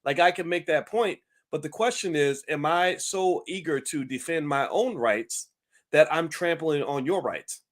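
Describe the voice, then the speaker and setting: Somewhat slowly, a channel host talks casually to his audience in talk-show style, his voice a bit bright and slightly high for a man. He often restarts sentences, laughs, and asks viewers what they think.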